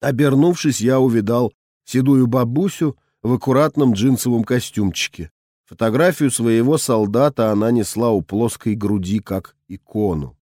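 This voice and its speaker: A man narrating a first-person audiobook in an even, measured storytelling manner. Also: medium pitch, no echo, studio quality. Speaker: audiobook reader.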